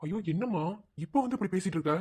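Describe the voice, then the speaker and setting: A man voicing a worried village husband in an animated drama, who asks anxious questions again and again. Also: high voice, fast talker, breathy edge. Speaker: cartoon voice actor.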